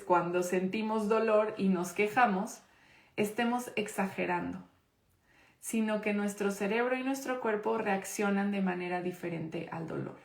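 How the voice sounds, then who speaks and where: A woman's voice: medium pitch, roomy sound. A woman teaching a live online parenting class. She talks conversationally, checks in with her audience often and stresses her key points. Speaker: parenting course instructor.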